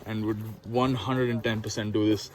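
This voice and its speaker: A man's voice: fairly low pitch, flat delivery, moderate pace, a little mellow. A man talking casually to camera as he vlogs a mountain trek outdoors. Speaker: trekking vlogger.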